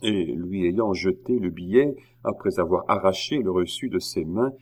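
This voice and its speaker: A man with a very deep, low voice reads a historical novel aloud. His delivery is measured, with the odd hesitation between phrases. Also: a little mellow. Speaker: audiobook reader.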